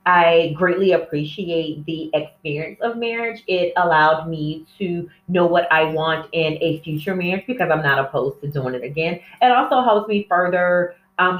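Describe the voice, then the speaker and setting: A woman hosting a casual, candid solo podcast, rambling and easily sidetracked, heard from a distance on a phone microphone. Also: deep voice. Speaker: podcast host. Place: indoor room with plants. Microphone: cell phone set away from her, distant. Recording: echoey room, distant phone mic, dull sound.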